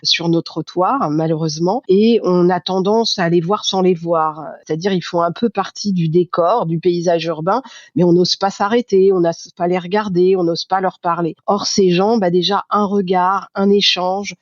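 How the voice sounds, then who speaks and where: A woman in her fifties from Paris, speaking as a podcast guest, reflective and halting, with many fillers and restarts. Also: fairly low pitch, fairly even intonation, dry recording, dull audio. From Paris, France. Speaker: guest, communications agency founder. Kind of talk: podcast interview.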